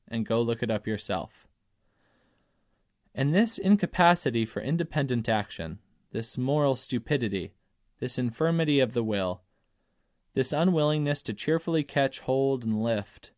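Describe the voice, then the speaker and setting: A man narrating an essay audiobook in a measured, emphatic reading that slows on key phrases. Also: medium pitch, no room sound, studio quality.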